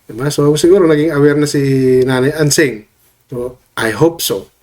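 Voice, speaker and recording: A man's voice: fairly high pitch, moderate pace, darkish tone. A man vlogging casual commentary while he has a cold that changes his voice, often checking in with his viewers mid-sentence. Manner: chatty, tags lines with questions to viewers. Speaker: vlogger commenting on online drama.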